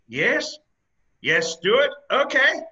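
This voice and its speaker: A man voicing a fearless, gruff ogre in a read of an animated film script, with a mocking, bossy, dry manner. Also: very high-pitched, takes it slowly, muffled recording, full character voice. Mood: mischievous teasing.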